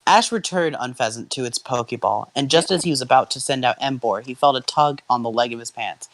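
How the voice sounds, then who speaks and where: A man reading fanfiction aloud to friends, stumbling over words and jumping high for the characters' lines. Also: a little fast, no room sound. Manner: acts out shouted lines in a high voice, stumbles and laughs. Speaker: fanfiction reader and channel host.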